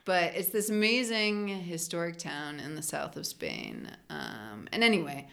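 A young woman, a linguist and anthropologist, chats as a guest on a casual podcast interview, her slightly low voice carrying a gravelly, fried edge. At a measured pace she explains things loosely, stringing thoughts together with lots of "like" and "um" and laughing as she goes. It feels like relaxed conversation rather than a lecture.

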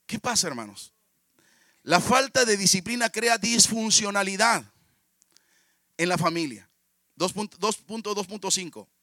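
High bright-voiced Mexican preacher in his fifties. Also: normal speed, no room sound, studio quality. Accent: Mexican Spanish. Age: 50s. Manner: storytelling, often calls out to the congregation. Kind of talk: sermon.

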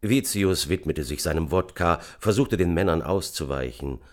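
Deep-voiced man reading an audiobook. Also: animated, moderate pace, darkish tone. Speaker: audiobook reader. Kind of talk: scripted narration.

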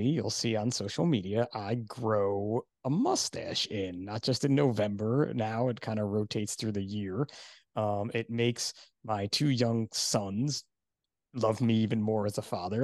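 A man's voice: fairly low pitch, a little slow, no echo, studio quality. A man hosting a podcast, chatting casually and rambling with self-deprecating asides and frequent laughs. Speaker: podcast host. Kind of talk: casual interview chat.

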